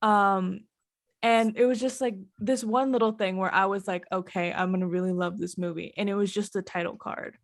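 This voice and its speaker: A young woman co-hosting a podcast, talking excitedly and swearing for emphasis. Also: medium pitch, normal speed. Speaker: podcast co-host. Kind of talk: casual chat.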